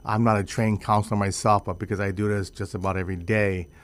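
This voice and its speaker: A man's voice: lowish voice, level tone, fast, a crowd in the background. A man hosting a radio interview, talking earnestly with stumbling restarts. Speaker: radio host.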